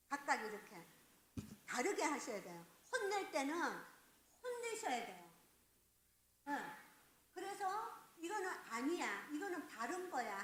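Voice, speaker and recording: High-voiced woman pastor preaching. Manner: lively, acts out parent and child voices, asks congregation to join in. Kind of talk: midweek sermon on parenting. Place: church sanctuary.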